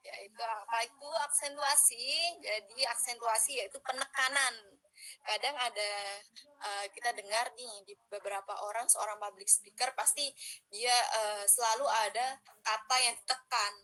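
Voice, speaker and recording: Bright-voiced young woman coaching public speaking. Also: on the high side, fairly even intonation, normal speed, poor audio. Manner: chatty, many fillers, coaching breathing drills. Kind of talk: casual online workshop talk.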